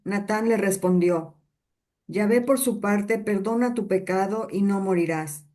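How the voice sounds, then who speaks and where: A woman in a Bible class reading a scripture passage aloud, slow and careful. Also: medium pitch, warm tone. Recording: distant from the mic.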